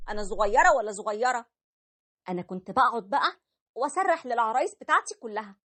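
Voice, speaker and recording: A woman's voice: a little high, expressive, fast talker, fairly bright tone. A woman voicing a loving, playful young wife with an Egyptian accent. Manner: playful and pleading. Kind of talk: animated story voice acting.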